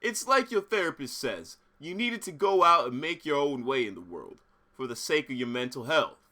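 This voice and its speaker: Reader as supportive young boyfriend, low coaxing voice, bright tone. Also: big pitch swings, moderate pace. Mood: soothing.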